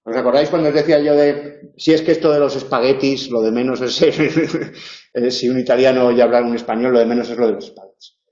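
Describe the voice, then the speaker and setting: A man's voice: medium pitch, steady tone, warm tone. Man lecturing in a roomy, dull-sounding room. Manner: explanatory, demonstrates sounds slowly. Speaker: university lecturer. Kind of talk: online tutoring lecture.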